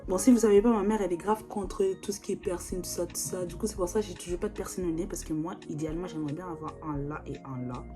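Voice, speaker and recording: A woman's voice: fairly low pitch, fairly even intonation, fast talker, few pauses. Chatty young woman, faint music. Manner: chatty, slangy, full of fillers. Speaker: vlogger. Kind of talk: casual chat. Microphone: phone or video call.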